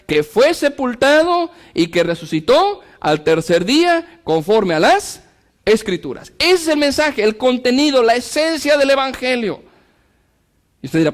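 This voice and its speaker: Male pastor, high-pitched voice, preaching to a congregation with slow emphatic lines and quick asides. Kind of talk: sermon.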